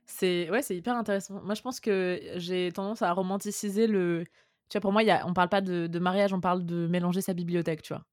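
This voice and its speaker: A woman's voice: lowish voice, fairly even intonation, quick pace. A woman hosting a casual chat, playful and informal, often breaking off her own sentences. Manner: informal, self-interrupting, playful. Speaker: podcast host.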